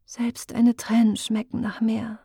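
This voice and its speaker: A woman's voice: high voice, unhurried, vocal fry, dark tone, slightly rough, no room sound, clean studio sound, voice pushed up, heavily acted. A woman voicing a tender, anxious young druid woman in an audiobook, whispering breathily and rising to pleas.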